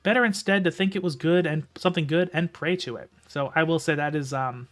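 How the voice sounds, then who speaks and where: A man's voice: on the high side, fairly quick, a bit bright, soft background music. A man streaming live, reading a novel aloud and commenting casually in a rambling way with filler words.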